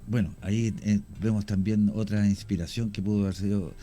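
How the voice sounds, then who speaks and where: A man with a Chilean accent speaks as a radio guest in the studio, recounting cemetery history at length with frequent hesitations. His voice runs low and dark, his intonation fairly even, and his delivery brisk, while soft music plays in the background.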